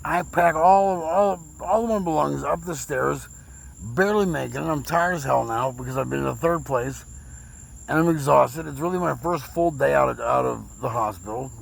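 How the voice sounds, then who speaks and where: A man's voice: on the high side, moderate pace, creaky, a little hiss or hum, poor audio. A man telling his own story in a rambling, emotional way, his speech slurred after a recent stroke. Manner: rambling, repeats words, emotional. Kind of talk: casual personal storytelling.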